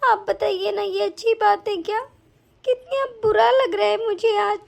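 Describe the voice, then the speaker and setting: An older mother-in-law in a cartoon family drama whines and scolds in a very high, squeaky voice, as a woman voices her. She snaps out orders and sulks with hurt pride. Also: animated, normal speed, fairly bright tone. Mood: tearful. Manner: whiny, scolding. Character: older mother-in-law, tearful then stern. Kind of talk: animated story voice acting.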